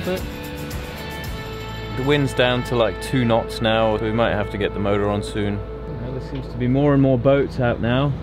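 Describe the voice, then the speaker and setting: A young man talking casually on a sailboat, joking and playfully competitive as he narrates a race. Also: on the low side. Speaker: sailing vlogger. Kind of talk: casual vlog commentary while sailing. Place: on a sailboat outdoors.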